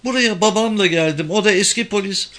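A frightened young woman, tense and pleading, as a male narrator puts her on. Her voice is raised well above his usual pitch, hushed and strained. The line swings lively up and down. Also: fairly quick. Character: frightened young woman caught in a police raid.

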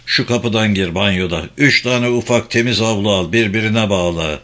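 A man playing a calm commando captain who gives curt, commanding orders. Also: on the low side, moderate pace, natural voice.

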